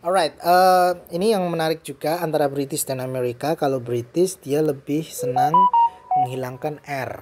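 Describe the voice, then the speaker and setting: A teacher with an Indonesian accent walks through a bilingual vocabulary lesson, switching between English and Indonesian and dropping in playful asides. The voice sits at a middle pitch. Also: moderate pace, heavy background noise.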